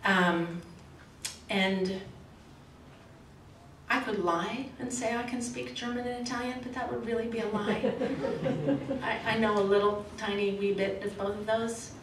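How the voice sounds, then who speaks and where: A novelist in her forties with a mid-range voice reads her prose at a podium, measured and expressive, and then answers questions casually, halting and correcting herself. She grew up in Australia, Canada and the States. The small indoor room has a red curtain and echoes; a far camera captures the podium mic, making her distant with faint hiss.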